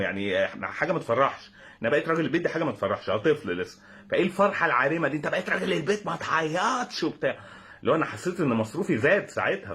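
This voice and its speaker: A young man with an Egyptian accent tells a funny personal story with exasperated sarcasm. His voice is husky and very animated, and he rattles the words off at a breakneck pace. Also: mid-range voice. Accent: Egyptian Arabic. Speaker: comedic storyteller.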